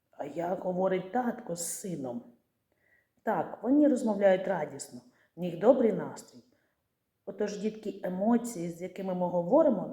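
A woman teacher giving a patient, gentle lesson to young children, asking them questions and answering for them. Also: on the low side, echoey room.

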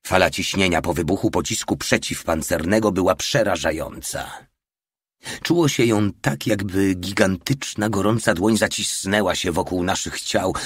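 A man narrating a war novel as an audiobook in a steady, matter-of-fact reading. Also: low-pitched, normal speed, slightly rough, no room sound, studio quality.

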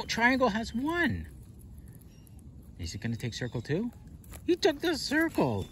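In a park, a medium-pitched man hosts a children's counting game on the grass, narrating playfully to small children and asking them plenty of questions. Birds and outdoor ambience fill the background, with faint noise.

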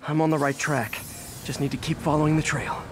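A man's voice: on the high side, fairly even intonation, brisk, close to an everyday voice. An actor playing a young male superhero scientist, muttering his thoughts while investigating in a video game, with music behind. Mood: focused. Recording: game audio under loud music.

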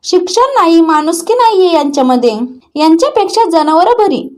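A woman's voice: extremely high pitch, very animated, normal speed, a little mellow. A woman reading the lines of an elderly father who is hurt and indignant. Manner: pleading and indignant. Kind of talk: dramatic recap reading.

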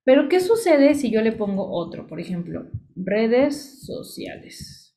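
A woman's voice: on the high side, sing-song, moderate pace, dark tone. A woman giving a screen-share tutorial on social media tools, chatty and explanatory, walking through each click step by step. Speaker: social media business coach.

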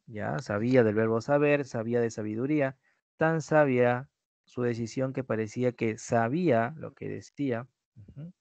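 A man's voice: mid-range voice, normal speed, gravelly, darkish tone, dry recording. A man with a Peruvian Spanish accent, a language teacher giving an online prep-school class, explaining with worked examples and checking in with his students. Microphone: computer mic on a video class. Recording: dull, lo-fi online class audio.

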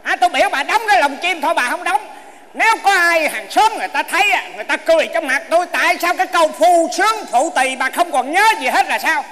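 A woman's voice: very high voice, expressive, fast, a bit bright. A woman with a Southern Vietnamese accent playing a bossy elderly husband in a stage comedy sketch, always scolding and nagging.

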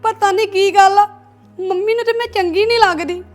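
An actress playing a young married woman in a family drama, tearful and pleading, over soft background music. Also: very high voice, steady tone, a little fast. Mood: upset. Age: young adult.

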